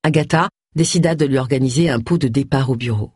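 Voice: mid-range voice, quick pace, breathy edge, no room sound, clean studio sound. An audiobook narrator reading a novel aloud in a scripted narration style, changing the voice for each character. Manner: expressive, shifts voice for each character.

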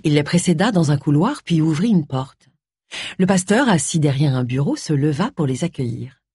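Husky, expressive audiobook narrator, dry booth sound. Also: medium pitch, normal speed, no echo. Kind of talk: audiobook narration of a detective novel.

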